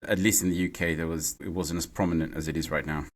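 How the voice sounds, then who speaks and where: A man from Mexico, a guest in a podcast interview, talking in a halting way and repeating words as he thinks. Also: deep voice, steady tone. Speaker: podcast guest, renewable energy CEO. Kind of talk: casual interview conversation. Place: home or office in London.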